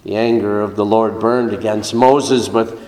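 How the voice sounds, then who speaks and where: A man's voice: on the low side, fairly even intonation, unhurried, darkish tone, reverberant, big-room sound. A male pastor preaching a sermon with emphatic, repetitive exhortation.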